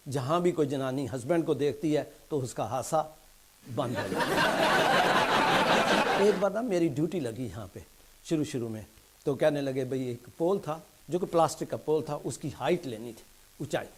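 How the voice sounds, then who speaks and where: A man's voice: animated, very noisy. Man telling jokes on stage. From England. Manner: storytelling in Urdu mixed with English punchlines; soft, low asides when quoting characters. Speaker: stand-up comedian. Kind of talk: stand-up joke telling.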